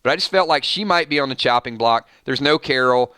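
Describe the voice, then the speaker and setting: A man hosting a live fan reaction show, talking in an excited, rambling way with frequent restarts. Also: medium pitch, a little fast, clean tone, no echo. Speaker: channel host.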